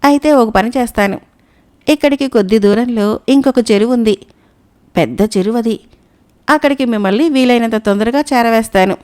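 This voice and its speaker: A woman's voice: on the high side, moderate pace, a little mellow, natural voice. A woman voicing a sly old crane that fakes piety, speaking in a mournful, pious tone. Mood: coaxing.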